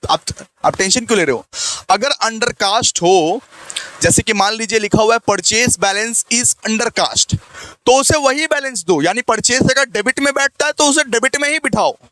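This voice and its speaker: Guy teaching a class, teasing sing-song style, high pitched, sharp voice. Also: normal speed, no room sound. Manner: repetitive, teasing, sing-song call-and-response with himself. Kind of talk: playful accounting lecture.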